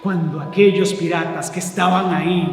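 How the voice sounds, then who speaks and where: A man's voice: sits high, steady tone, moderate pace. A man telling a scary tale on a festival stage, in a dramatic, repetitive cadence that builds suspense. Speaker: storyteller. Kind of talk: live oral storytelling. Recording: echoey hall with faint music.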